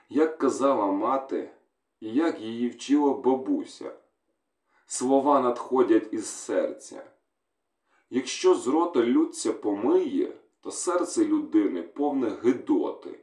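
A slow, grave male storyteller. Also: fairly low pitch, a little mellow. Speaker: audiobook reader. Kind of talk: storybook narration. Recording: roomy, distant mic.

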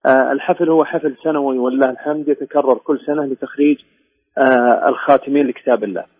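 Husky man on a tinny phone line. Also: mid-range voice, fairly even intonation, fast, no room sound. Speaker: interview guest, education department director. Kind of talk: formal interview talk.

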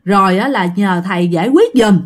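A woman's voice: medium pitch, animated, brisk, voice pushed down, lightly acted. A woman voicing a desperate, weeping mother haunted by a ghost, pleading for help.

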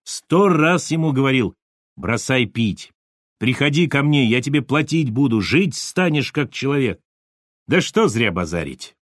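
A burly working man speaks gruffly and cuts others short in an audiobook, as a man voices him. His tone is blunt and impatient, with lively pitch swings. The recording is dry and close. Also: unhurried, dry recording.

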